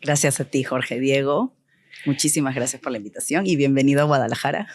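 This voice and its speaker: A woman from Peru, a designer being interviewed, telling her story in a lively, candid way. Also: very deep voice, brisk, slightly rough, dry recording. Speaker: guest designer. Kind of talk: casual interview chat.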